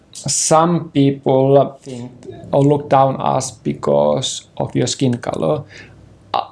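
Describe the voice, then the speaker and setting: An older man with a Finnish accent, a native Finnish speaker talking in English in a personal sofa conversation, halting and careful with many pauses and throat-clearings. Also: medium pitch, mellow. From Finland. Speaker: interview guest, partner in conversation. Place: indoor living room with bookshelves.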